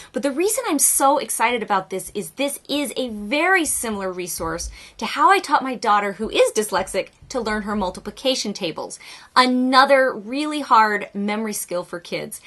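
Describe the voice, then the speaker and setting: A woman's voice: medium pitch, sharp tone. A middle-aged woman hosting a homeschool video, talking through a resource in a casual, upbeat, emphatic way. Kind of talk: casual explainer vlog.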